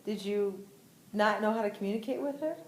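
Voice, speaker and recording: Her mid-range voice moves fairly quickly as she quizzes an older relative in a relaxed, inquisitive way. Faint noise and a roomy feel mark this home recording.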